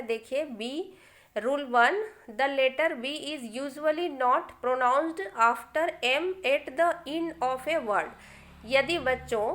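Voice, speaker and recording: A woman with an Indian accent teaching English pronunciation rules, explaining patiently to her students and reading each rule aloud slowly. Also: sits high, fairly bright tone.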